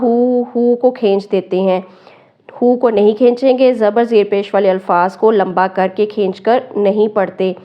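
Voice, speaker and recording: A woman with a fairly high, smooth, resonant voice teaches recitation word by word. She draws each word out slowly and explains every sound with patience. The recording is muffled and lo-fi. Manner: slow, deliberate, drawing out each word. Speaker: Quran teacher. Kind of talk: word-by-word Quran recitation lesson.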